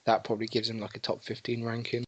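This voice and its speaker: A man with a mid-pitched voice talks sport on a podcast. He explains his opinions casually and steadily, swearing now and then. The sound is dry, without room echo. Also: monotone, fast, slightly rough. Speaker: podcast panellist.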